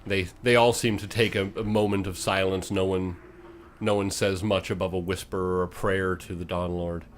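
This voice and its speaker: A man with a fairly low voice hosts and game-masters a tabletop game, narrating dramatically in suspenseful phrases. His intonation is fairly even and his pace moderate, with clear ambient noise behind him.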